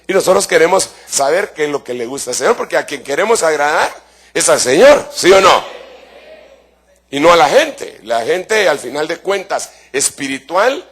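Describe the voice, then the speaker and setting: His voice a little high, a male pastor delivers a fervent sermon full of rhetorical questions, calling his listeners "brother." He moves back and forth between gentle asides and emphatic shouting.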